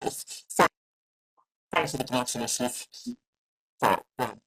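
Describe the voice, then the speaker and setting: A man's voice: medium pitch, moderate pace, gravelly, fairly bright tone, slightly rough, low-quality recording. Man on a garbled, breaking-up call connection. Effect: garbled, dropping bad internet connection. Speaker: panel guest. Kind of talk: video call discussion.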